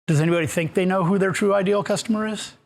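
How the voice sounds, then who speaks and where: A man with a fairly high voice leads a live workshop in a meeting room. He talks casually with plenty of fillers and restarts, often putting questions to the audience as he walks about the room. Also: fairly even intonation, fast talker, gravelly. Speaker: workshop presenter. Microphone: room mic, moves around while talking.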